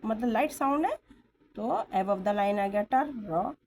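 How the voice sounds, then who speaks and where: A woman teaches stenography with classroom patience, spelling words letter by letter and checking that students follow, and she speaks English words with an Indian accent. Her mid-range, darkish voice is animated but slow-paced. Recorded on a camera or phone held at a distance, the audio is poor with slight background noise.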